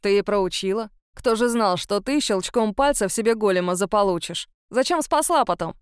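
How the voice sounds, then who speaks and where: A woman's voice: mid-range voice, animated, normal speed, clean tone, no room sound, studio quality, close to an everyday voice. A woman voicing a cocky young man who banters playfully in an audiobook. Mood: teasing.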